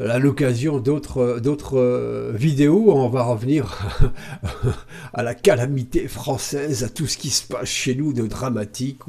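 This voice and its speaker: A man from France giving sarcastic, lively political commentary to camera, with frequent hesitant fillers. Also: mid-range voice. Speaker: video commentator.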